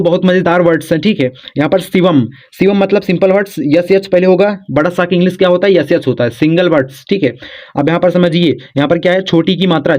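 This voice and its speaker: A man teaching viewers how to spell words, who spells letters out slowly and keeps checking in with "okay". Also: a little high. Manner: repeats "theek hai" often, spells letters out slowly. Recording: dull lo-fi sound.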